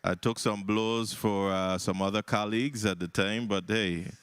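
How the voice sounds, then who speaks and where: Virgin islands guy, senator talking at a hearing, deep smooth voice, kinda jovial and informal. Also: steady tone, moderate pace, a bit bright, no echo. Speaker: senator questioning at a budget hearing. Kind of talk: semi-formal remarks at a legislative hearing.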